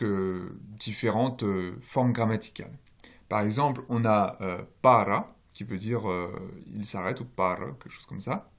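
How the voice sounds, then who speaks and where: Lively-voiced man giving a lecture. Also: mid-range voice. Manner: explanatory, many fillers, rising emphasis on key terms. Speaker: linguistics lecturer. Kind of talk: recorded online lecture.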